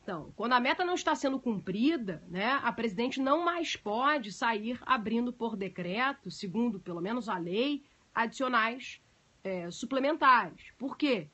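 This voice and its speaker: A woman's voice: a little high, expressive, moderate pace, fairly bright tone, breathy edge. Woman lecturing on a lo-fi live stream. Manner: chatty, talks to viewers while explaining, many fillers. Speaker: teacher of budget law. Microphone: phone.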